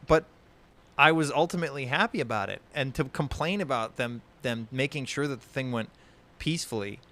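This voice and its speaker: A man's voice: mid-range voice, brisk, fairly bright tone. A man who hosts a podcast, talking in a casual discussion stream, heated and exasperated, swearing often and rambling with many restarts. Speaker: podcast host.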